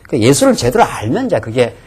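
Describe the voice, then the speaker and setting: A man's voice: medium pitch, huge pitch swings, quick pace, a little mellow, husky. A man pastor giving a conversational Bible lecture sermon, often adding affirming asides and rhetorical questions.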